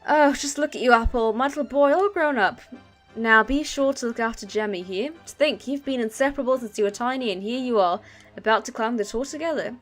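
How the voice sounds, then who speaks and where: A woman's voice: on the high side, a little fast, soft background music, close to an everyday voice. A woman reading out the lines of a doting mother sending her grown son off in a game. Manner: read aloud from on-screen text.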